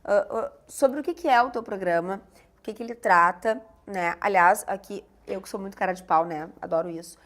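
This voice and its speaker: A woman hosting a casual podcast chat, animated and playful. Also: mid-range voice, a little fast. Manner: animated, playful, self-mocking. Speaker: host.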